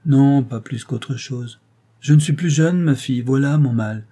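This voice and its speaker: A man voicing an aging, loyal female servant with a cracked, tired voice, speaking slowly with halting pauses. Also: medium pitch, dark tone, pitched above the performer's own voice, lightly acted. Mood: weary scolding.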